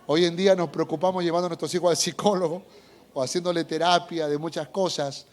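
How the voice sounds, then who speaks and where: A man's voice: fairly high pitch, fast. A middle-aged man, a pastor preaching a sermon and telling stories, acting out voices and asking the congregation. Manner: animated storytelling, acts out voices, asks the congregation.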